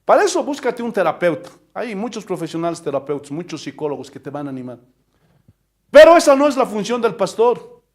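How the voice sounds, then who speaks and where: A man's voice: sits high, very animated, fairly quick. A man, a pastor delivering an impassioned sermon full of rhetorical questions. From Bolivia.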